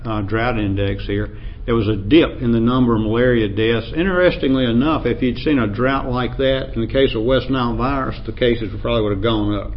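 A man with an Appalachian American accent giving an informal academic lecture in a measured, hesitant way, often clearing his throat. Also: mid-range voice. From Appalachian United States. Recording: dull lo-fi sound, faint background noise.

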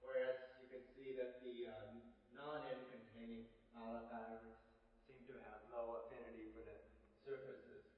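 A man presents a brief, rushed scientific lightning talk at a conference. His delivery is halting and hesitant. The sound is muffled and distant, with long hall reverberation around the voice. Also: mid-range voice, little pitch movement. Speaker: conference speaker. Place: large echoey presentation room. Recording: dull, echoey hall, far from mic.

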